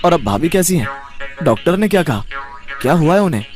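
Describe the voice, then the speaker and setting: A man's voice: a little high, sing-song, brisk, soft background music. A man voicing a meek, kind-hearted young farmer in a cartoon story, timid and hesitant. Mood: tired, meek. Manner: timid, soft-spoken, hesitant. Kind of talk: cartoon voice acting.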